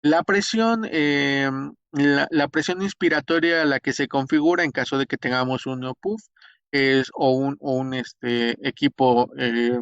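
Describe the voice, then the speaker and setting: A man's voice: medium pitch, steady tone, measured pace, a bit bright, clean tone, no echo. A man with a Mexican Spanish accent giving a spoken lecture, explaining step by step, with frequent hesitations and restarts. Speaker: instructor. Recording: dull, dry lo-fi recording.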